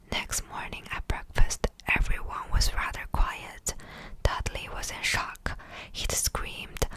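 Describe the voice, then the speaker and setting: A close, breathy, clicky whisper right in the listener's ear, softly reading a storybook aloud for ASMR in an unhurried way. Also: poor audio. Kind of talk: whispered ASMR reading of a children's fantasy novel. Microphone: close microphone.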